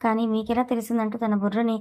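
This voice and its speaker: A woman storyteller doing an innocent, coy young bride who answers politely and bashfully. She talks fast and without much melody, in a slightly high voice. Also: monotone, warm tone, lightly acted.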